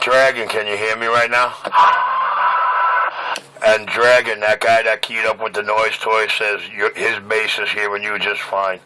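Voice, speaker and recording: Guy on a mistuned cb radio, off frequency, lowish voice, tons of static, just rambling and joking on the channel. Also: flat delivery, unhurried. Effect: off-frequency CB radio transmission. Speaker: CB radio operator. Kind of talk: casual CB radio banter. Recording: heavy static over CB radio.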